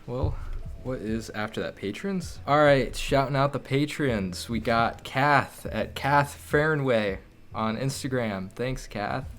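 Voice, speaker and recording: A young man in easygoing podcast chat, with a mid-range voice that sits in the middle. He rambles along with fillers and breaks into laughs. His tone stays relaxed and conversational. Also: mid-range voice, slow, hardly any pauses. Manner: laid-back, laughs often, rambling with fillers. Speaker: podcast co-host. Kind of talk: casual chat.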